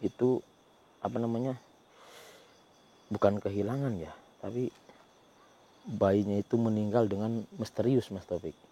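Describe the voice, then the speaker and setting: A man hosting a ghost-hunting vlog outdoors near a village, talking in a hushed voice to his companion and muttering Islamic prayers. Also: on the low side, steady tone, unhurried, pauses often. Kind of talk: hushed on-location narration.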